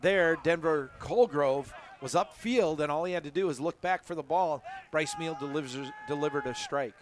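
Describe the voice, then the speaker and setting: A man's voice: on the high side, moderate pace, slight background noise. A man as color commentator on a live college football broadcast, breaking down plays and laughing easily with his partner. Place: press box at a football stadium.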